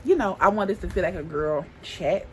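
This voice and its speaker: A beauty vlogger in her twenties chats casually to camera while doing her makeup, her lowish, darkish voice moving at a brisk clip. She rambles and thinks aloud, restarting sentences often and dropping plenty of "like."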